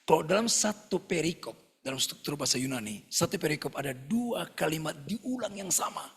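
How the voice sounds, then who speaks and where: A man preaching a sermon as a pastor, lively and joking, often calling out to his listeners and acting out other people in his stories. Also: on the high side, a little fast, vocal fry, slightly rough. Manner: mimics other people's voices when retelling stories.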